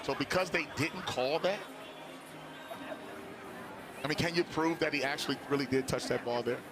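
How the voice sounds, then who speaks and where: A man's voice: a little high, normal speed, a crowd in the background. Informal male football color analyst, noisy stadium. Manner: conversational, informal, explanatory. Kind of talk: live football commentary. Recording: clear stadium background noise. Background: outdoor stadium ambience.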